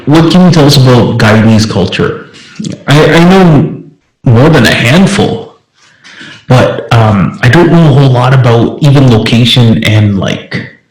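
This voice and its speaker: A man's voice: mid-range voice, measured pace, darkish tone, reverberant, low-quality recording. A man co-hosting a casual podcast chat, curious and asking lots of questions. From Canada, of Filipino parents. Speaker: podcast co-host.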